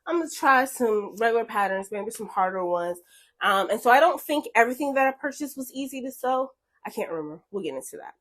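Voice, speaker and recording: Woman, sewing vlogger, casual chatty delivery, fairly high voice, breathy and stuffy-nosed. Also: animated, fairly quick, fairly bright tone. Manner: chatty, upbeat, talks to viewers as friends. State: out of breath and congested. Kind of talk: casual chat to camera.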